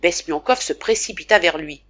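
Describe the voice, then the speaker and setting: A woman narrates a classic novel in a fairly low voice. Her reading is measured and expressive, with clear, steady storytelling. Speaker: audiobook narrator.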